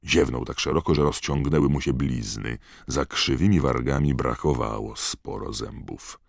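Male audiobook narrator: extremely low, gravelly, measured, dry. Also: no room sound. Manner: even, measured storytelling. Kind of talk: scripted narration.

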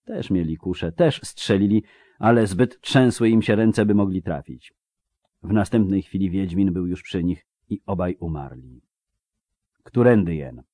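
A man in scripted audiobook narration, telling the story in a measured, dramatic way. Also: deep voice, dark tone, dry recording, clean studio sound.

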